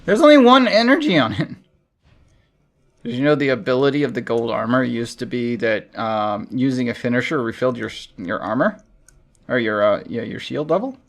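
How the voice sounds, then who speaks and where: A man streaming a shooter game, chatting casually and thinking out loud with frequent chuckles. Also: mid-range voice, animated, moderate pace, creaky. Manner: chuckles often, thinks aloud. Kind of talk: casual gameplay chat.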